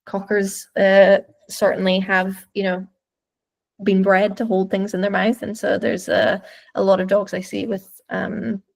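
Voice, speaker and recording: A woman's voice: medium pitch, little pitch movement, measured pace, creaky, darkish tone. A woman dog trainer giving webinar commentary over videos, explaining thoughtfully and searching for words as she goes.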